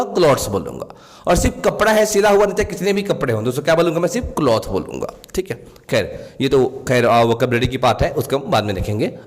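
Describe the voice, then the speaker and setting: Man teaching in a reverberant room. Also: fairly high pitch. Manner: explains in Hindi, reads English examples slowly. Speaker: English teacher. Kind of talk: spoken English lesson.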